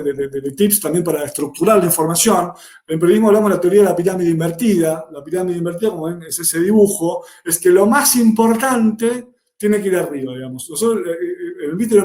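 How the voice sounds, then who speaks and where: A man's voice: high-pitched, darkish tone, reverberant. A man giving an explanatory workshop lecture, repeating key questions to drive points home. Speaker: workshop instructor. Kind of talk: online lecture.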